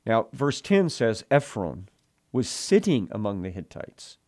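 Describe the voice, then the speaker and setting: A man's voice: on the low side, big pitch swings, a little slow, darkish tone. A man teaching from the Bible, reading scripture and retelling it in earnest, emotional storytelling.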